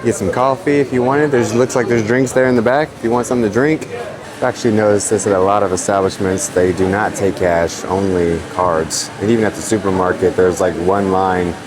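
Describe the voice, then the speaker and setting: Casual travel vlogger guy from the us, deeper voice, rambly and relaxed, outdoors in the wind. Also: a little fast, crowd noise. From United States. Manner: chatty, thinks aloud with fillers. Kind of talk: casual vlog narration. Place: outdoors on a windy harbour pier.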